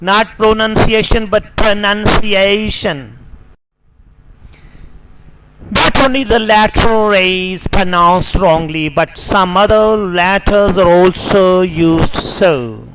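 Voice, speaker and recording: Casting: male English teacher with a Pakistani accent, higher voice, very slow and deliberate delivery, noisy recording. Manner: slow and deliberate, spells words letter by letter. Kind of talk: scripted pronunciation lesson.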